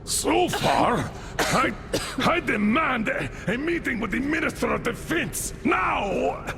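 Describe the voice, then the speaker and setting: An actor playing a furious captive army colonel who shouts threats, in a video game. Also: male voice, very high voice, big pitch swings, takes it slowly, in a large hall, background noise, heavily acted. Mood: enraged. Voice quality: gravelly, shouting.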